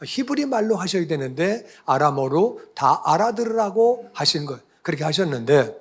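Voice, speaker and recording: A man's voice: on the high side, very animated, moderate pace, slightly rough. A male pastor giving a conversational sermon, often asking the congregation questions.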